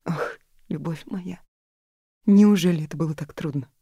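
A woman voicing a calm, stubborn young man in an audiobook, speaking in short, cool lines. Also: sits low, moderate pace, husky, dry recording. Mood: firm. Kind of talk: audiobook character reading.

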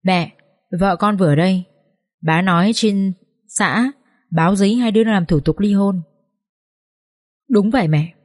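A woman voicing a calm, matter-of-fact adult son in a storybook reading. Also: mid-range voice, measured pace, long pauses, close to an everyday voice.

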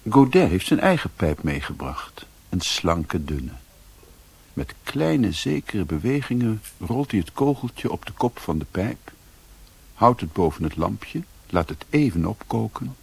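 In a first-person literary radio drama, an actor gives a heavily acted performance as a brooding European drifter narrating his own story. His low, husky voice has big pitch swings, vocal fry, and a slightly mellow quality with no echo, and his slow, introspective delivery sounds brooding and detached.

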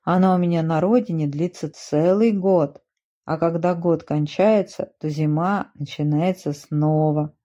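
A woman voicing a calm northern reindeer explaining plainly. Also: low-pitched, measured pace. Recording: muffled dull recording.

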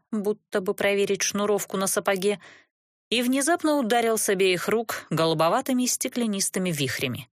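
A woman's voice: lowish voice, dry recording, clean studio sound. Woman reading a fantasy audiobook. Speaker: audiobook narrator. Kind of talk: first-person fantasy audiobook narration.

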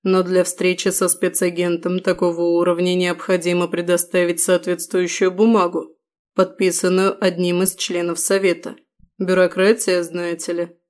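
A woman voicing a calm, indifferent male vampire prison official who speaks dryly. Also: fairly low pitch, moderate pace, lightly acted.

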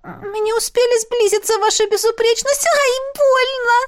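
Woman reader doing a squeaky stuck-up noble girl, whiny and scared, way up high. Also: animated, normal speed. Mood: whimpering. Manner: high, haughty, then whimpering. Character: haughty young noblewoman concubine, whiny and frightened.

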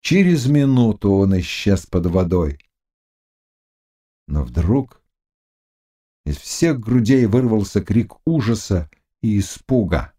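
A male audiobook narrator reading a classic novel in an expressive, dramatic way. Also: on the low side, takes it slowly, pauses often.

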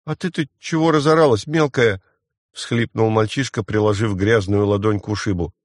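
A man's voice: on the low side, level tone, dry recording, studio quality, natural voice. A man reading an audiobook voices a frightened, defiant boy thief who whines and snaps back. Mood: indignant. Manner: squabbling, whining, quick to snap back. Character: scrappy scared boy thief, defiant and whiny.

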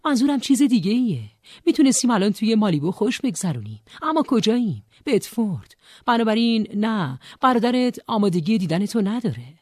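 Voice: medium pitch, sing-song, hardly any pauses, darkish tone, no echo, clean studio sound, pitched above the performer's own voice. A narrator voicing a bitter, resentful young man, a former band drummer, who talks angrily and sarcastically in an audiobook. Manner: angry, sarcastic, raised voice. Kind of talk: audiobook character voice.

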